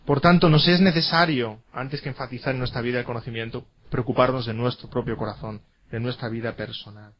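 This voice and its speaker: A man's voice: medium pitch, steady tone, a little fast, lo-fi sound, slight background noise. A man teaching a classroom lecture, emphatic, repeating key words and asking rhetorical questions.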